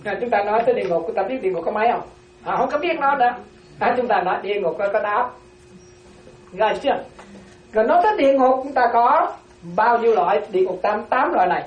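Talking fast with lively intonation, a Buddhist nun delivers a dharma talk to her class in a fairly high voice. She repeats key phrases and keeps asking if everyone is following, and the recording is muffled and roomy, from a distant mic with slight background noise.

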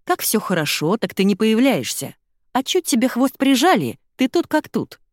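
A curt, mocking young nurse with a sharp tongue, as a woman reads her. Her voice jumps up and down lively, and it sounds close and dry. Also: a little high, moderate pace, dry recording, voice pushed up.

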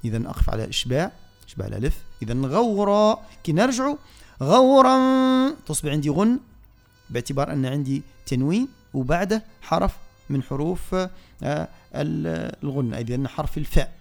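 A man teaching recitation on the radio. He chants verses slowly and then explains each point in quick, plain speech. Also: lively intonation, creaky, a little mellow, faint music behind. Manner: slow, high chanted recitation alternating with quick spoken explanation. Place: radio studio.

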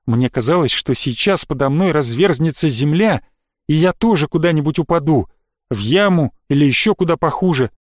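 A man reading a first-person story aloud as an audiobook narrator, with lively, expressive storytelling. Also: on the high side, normal speed, no room sound, studio quality.

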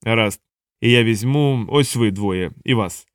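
A man voicing an earnest young male watch officer who talks in a calm, courteous way. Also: on the low side, measured pace, dry recording, studio quality, close to an everyday voice.

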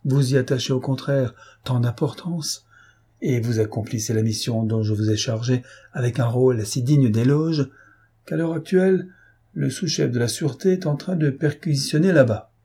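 A man reading the part of a self-assured gentleman thief in an audiobook, with a husky voice and dry, mocking irony. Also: mid-range voice, moderate pace. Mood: ironic.

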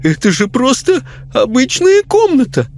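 A man voicing a frightened, bossy elderly lady spirit who talks in a shrill, panicky, scolding way. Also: sing-song, takes it slowly, a little hiss or hum, exaggerated voice. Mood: panicked.

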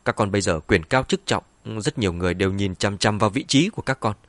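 A man's voice: on the low side, fast talker, a bit bright, no room sound, natural voice. A man voicing a ruthless, two-faced middle-aged woman in an audiobook, switching between cold menace and false wailing. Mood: insistent. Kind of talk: audiobook character voice.

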